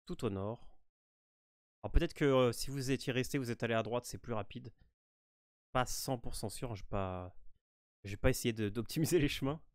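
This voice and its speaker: A man with a French accent gives relaxed commentary on a game walkthrough, his middle-pitched voice pausing often and restarting sentences amid plenty of fillers. The recording is dry and close, without any room echo.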